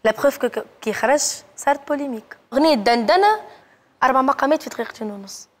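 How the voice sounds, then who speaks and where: A woman's voice: sits high, very fast. A Tunisian woman, a singer guest on a talk show, chatting emotionally and singing live. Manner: emotional, tearful about her brother.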